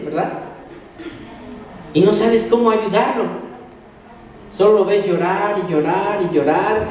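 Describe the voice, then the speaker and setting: Echoey, high-voiced Mexican preacher. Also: male voice, mellow, slight background noise. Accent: Mexican Spanish. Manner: asks the congregation questions and answers them. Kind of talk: sermon. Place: church hall. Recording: very echoey hall, mic at a distance.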